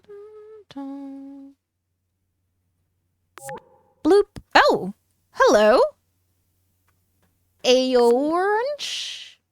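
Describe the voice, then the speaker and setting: A woman's voice: sits high, no echo, studio quality. A woman streamer chatting casually and giggling while she draws on stream. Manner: slow, musing, giggly.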